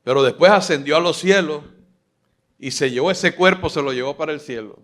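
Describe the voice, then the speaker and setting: Filmed through a stage microphone, this live Sunday sermon features a pastor with a fairly quick, somewhat bright voice on the high side. He's emphatic and stirring, and he throws questions out for the congregation to answer.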